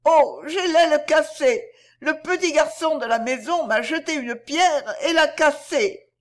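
A woman voicing a small, frantic female tailorbird with a shrill, piercing cry in a read-aloud storybook. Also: measured pace.

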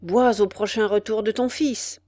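A woman voicing a sinister little demon man with a hoarse, muffled, mocking voice in a storybook reading. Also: medium pitch, fairly even intonation, measured pace, warm tone, natural voice. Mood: menacing. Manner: mocking and menacing.

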